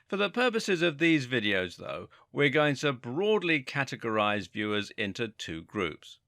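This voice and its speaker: Man narrating an online course, gravelly. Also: medium pitch, sharp tone, no echo, clean studio sound. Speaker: course instructor. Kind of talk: scripted narration.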